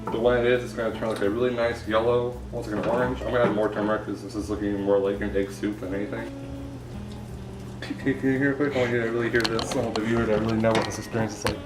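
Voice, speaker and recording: A man's voice: on the low side, flat delivery, very fast. A man hosting a casual cooking video in a loose, giggly, tipsy ramble with offhand swearing. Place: indoor kitchen. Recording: echoey kitchen, far from mic, background music. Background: music, clattering pots and pans.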